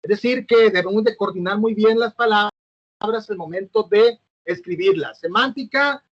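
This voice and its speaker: High-voiced man lecturing alone. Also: normal speed, no room sound, dull audio. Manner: hesitant, fillers and self-corrections, asks "¿no?". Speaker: teacher. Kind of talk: recorded online lecture.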